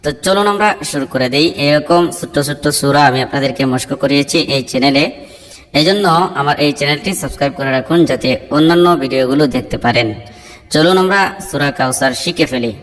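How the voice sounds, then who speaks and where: A man teaching Quran recitation, chanting verses slowly and drawn out, then spelling out letters and explaining. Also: fairly high pitch, long reverb tail.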